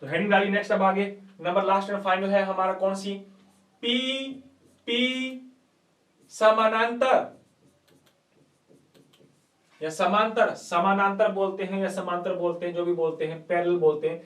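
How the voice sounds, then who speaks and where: A male chemistry teacher quizzes his online class playfully with rhetorical questions and folksy sayings, calling students "beta ji." His high voice is flat and quick with few pauses, recorded with a distant mic in an echoey room.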